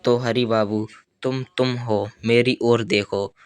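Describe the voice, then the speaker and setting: A man's voice: mid-range voice, steady tone, takes it slowly, clear, resonant tone, dry recording, lightly acted. A man reading the part of a young married woman, bold and intense, in an audiobook, with an earnest, insistent delivery.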